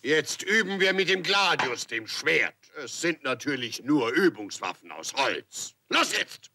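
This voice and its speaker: Cartoon Roman drill officer, blustering, gravelly edge, high-strung, easily flustered, barking. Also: male voice, big pitch swings, measured pace, bright, forceful tone, exaggerated voice. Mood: stern. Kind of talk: dubbed animated film acting.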